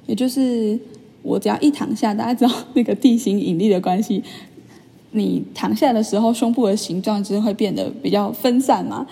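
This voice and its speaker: A young woman, chatting in a vlog as she retells a personal story with lively, filler-filled asides. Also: on the high side, creaky, breathy edge, big-room sound. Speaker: vlogger. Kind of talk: casual storytelling monologue.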